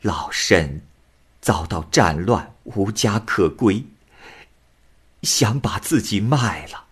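A man voicing a kindly, shrewd old woman, soft and motherly in tone. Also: fairly low pitch, lively intonation, takes it slowly, breathy edge, full character voice. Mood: dignified.

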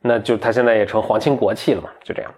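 Guy telling an old folk tale to a friend, relaxed and chatty, does little voices for the characters. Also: on the low side, rapid-fire. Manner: chatty, voices the characters lightly, laughs at the story. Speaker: storyteller. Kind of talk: casual retelling of a folk tale.

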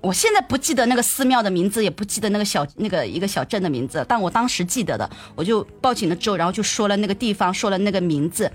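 A young woman telling a personal story in a lively, chatty way, repeating words and asking her listeners questions. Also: medium pitch, rapid-fire, hardly any pauses, breathy edge. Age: young adult. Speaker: storyteller addressing her audience.

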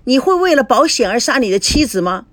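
A woman's voice: sits high, big pitch swings, fairly quick, fairly bright tone, dry recording, voice pushed up. A cornered young husband snaps back at gossiping strangers in a clipped, exasperated tone, voiced by a woman narrating the story. The voice sits close and dry. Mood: irritated. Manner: curt, exasperated. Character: harried young husband, curt and irritated.

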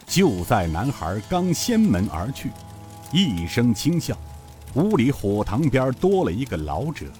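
A man narrating a serialized novel as an expressive, measured storyteller. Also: mid-range voice, soft background music.

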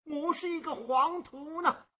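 A performer playing a soft-hearted old temple keeper, a man, in Huangmei opera, sighing and exclaiming with a breaking voice, on a dull lo-fi recording. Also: high voice, a little slow. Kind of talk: Huangmei opera stage acting.

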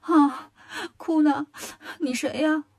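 Tearful captive queen in a kids story, a woman doing her, soft and pleading, kinda high. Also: normal speed, breathy edge.

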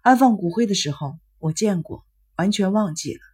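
A woman reading a remorseful young man, husky. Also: medium pitch, normal speed. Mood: subdued. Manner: flat, subdued speech. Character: troubled young man on the phone, remorseful, withdrawn.

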